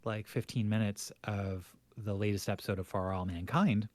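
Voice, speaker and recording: A middle-aged man with a fairly low voice rambles through stories on a podcast, stopping and restarting his sentences and laughing as he goes. The sound is dry and close, with no room around it. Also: steady tone, moderate pace, no room sound. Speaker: podcast co-host. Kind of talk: casual chat.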